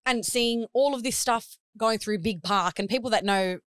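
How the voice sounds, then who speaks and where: A woman's voice: fairly high pitch, normal speed, clean tone, no room sound, studio quality. An Australian woman hosting a podcast in casual chat, talking earnestly and with feeling. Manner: earnest, emotional, heartfelt. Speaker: podcast host.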